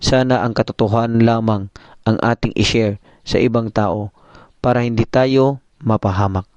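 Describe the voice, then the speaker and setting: A man's voice: fairly low pitch, fairly even intonation, moderate pace, a little mellow, no room sound. A man preacher telling a story and giving a morning devotion sermon, calling his listeners brethren, on a dull, dry recording.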